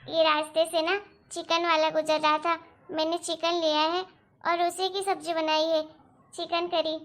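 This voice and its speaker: A very high, soft-spoken young bride in a cartoon story, eager to please, played by a woman. Her sweet, pleading voice sounds earnest and a little anxious. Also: level tone, unhurried, full character voice. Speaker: daughter-in-law. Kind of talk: animated story voice acting.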